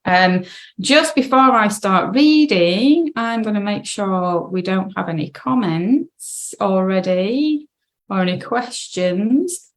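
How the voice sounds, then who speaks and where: A British woman coaching her viewers on a live stream, her pitch sitting in the middle range. She talks in a casual, encouraging way, tagging her points with "right?" and "all right?" Now and then she reads an article aloud, slowly and plainly. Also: animated. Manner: chatty, checks in with "right?" and "all right?". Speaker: business coach.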